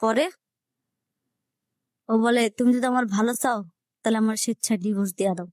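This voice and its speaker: Her voice is fairly high yet darkish in tone, steady and brisk, recorded at studio quality with no room sound. Telling her own story with emotion, this Bangladeshi woman uses a colloquial Dhaka-area Bengali accent and acts out the conversations she quotes in dialect.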